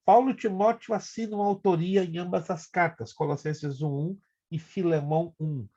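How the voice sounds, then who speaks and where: A man's voice: sits high, moderate pace, mellow, highs cut off. A man with a Brazilian Portuguese accent, a pastor teaching an online Bible class in a chatty, teasing way and explaining step by step over a video call.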